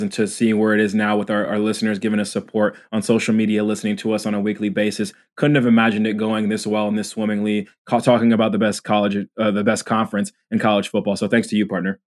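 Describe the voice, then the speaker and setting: A man co-hosting a college football podcast, breaking down matchups in an earnest, rapid flow. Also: lowish voice, flat delivery, darkish tone. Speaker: podcast co-host. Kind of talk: sports podcast analysis.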